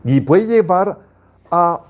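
A man's voice: high-pitched, lively intonation, takes it slowly, lo-fi sound. A man preaching a sermon as a pastor, reading scripture aloud and speaking emphatically, often restarting his phrases.

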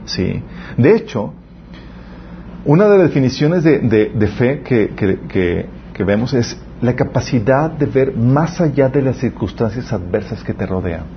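A young man preaches to a youth group in a loose, storytelling way and keeps turning to speak directly to his listeners. His voice sits at an ordinary pitch for a man. The recording is a little muffled, with a faint hiss of noise behind him. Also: unhurried. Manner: lively storytelling, addresses the audience directly. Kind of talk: conversational sermon.

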